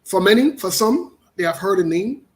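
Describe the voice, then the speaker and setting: A man hosts an interview in a casual, friendly way. His voice sits notably high for a man. He talks loosely, with fillers between his phrases. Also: animated, moderate pace, low-quality recording. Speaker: interview host.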